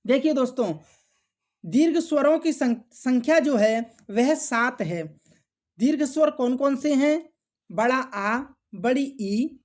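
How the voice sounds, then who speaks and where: A woman teaching an exam-prep grammar lesson, repeating key points and answering her own questions, clearing her throat often. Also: on the high side, darkish tone. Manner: slow, repetitive, asks and answers own questions; addresses viewers as friends.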